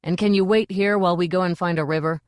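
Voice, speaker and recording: A woman's voice: lowish voice, fairly even intonation, fast, darkish tone, no room sound, clean studio sound, lightly acted. A woman voicing a sullen, grumpy dwarf. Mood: grumbling. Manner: gruff, sullen. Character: grumpy sour male dwarf wagon driver.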